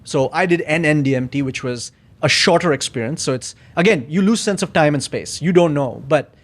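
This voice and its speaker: Reflective man, slightly high voice. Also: fairly quick. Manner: reflective, searching for words, many fillers. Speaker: podcast guest. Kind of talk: casual conversation.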